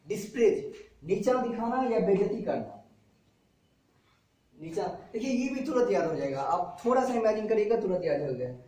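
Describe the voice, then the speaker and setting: A man with a high voice teaches a class, repeating every word and meaning and drilling his students with questions. He is recorded from a distance in a very echoey classroom. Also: animated, normal speed, mellow. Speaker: vocabulary teacher.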